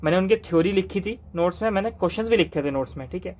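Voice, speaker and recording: A young man from Delhi giving exam study advice to camera in fast, insistent casual talk, repeating points with rhetorical questions. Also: sits high, lively intonation, darkish tone, slight background noise. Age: young adult.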